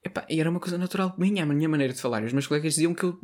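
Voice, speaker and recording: A man's voice: a little high, racing, a little mellow. A young man from northern Portugal co-hosting a casual podcast chat, rambling and correcting himself as he goes. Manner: rambling, self-correcting, laughs often. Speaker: podcast co-host.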